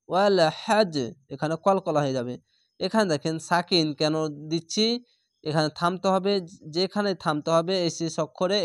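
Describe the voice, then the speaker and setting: A man with a slightly high voice gives a recitation lesson, spelling out each syllable and restating the rules in a patient, explaining way. He stretches each word out slowly when he recites it whole. The recording is dry and close, with no room sound. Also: clear, resonant tone, dry recording. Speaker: Quran reading teacher.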